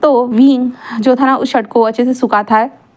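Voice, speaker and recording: A woman's voice: fairly high pitch, fairly even intonation, moderate pace. A woman telling a fan fiction story casually, chatty, with many fillers and self-corrections.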